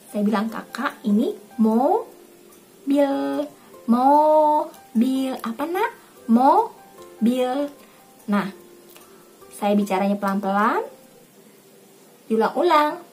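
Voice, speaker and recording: A young Indonesian mother hosting a home tutorial, speaking casually and repeating herself as she talks to viewers she calls Mams. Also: medium pitch. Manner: warm, repetitive, addresses viewers as Mams. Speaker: parenting channel host, mother.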